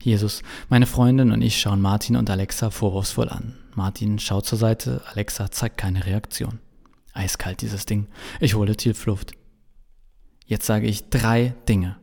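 Male pastor, wry story-sermon, gravelly voice, long reverberant echo. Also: on the low side, steady tone, measured pace, a little mellow. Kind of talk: humorous sermon told as a story.

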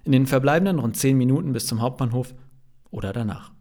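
A man's voice: mid-range voice, fast talker, dark tone. A man reading his own novel aloud as a podcast, narrating in the first person with a dry, wry tone. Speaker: author reading his book.

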